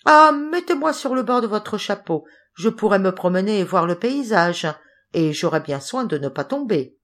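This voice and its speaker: A woman voicing a tiny, bold and playful boy in a storybook, calling out in a high, bright voice. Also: animated, moderate pace, close to an everyday voice. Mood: cheeky.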